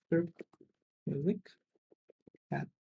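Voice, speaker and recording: A man teaches programming step by step without a script, thinking aloud and frequently checking in with a short questioning tag. His voice is fairly high, warm, and slightly rough, with huge pitch swings and a very slow pace.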